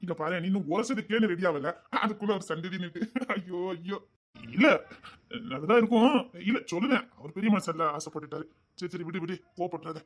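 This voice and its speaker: A man with a Tirunelveli Tamil accent performing a comic family sketch, trading teasing banter between relatives. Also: a little fast. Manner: teasing banter, jumping between high and hushed lines.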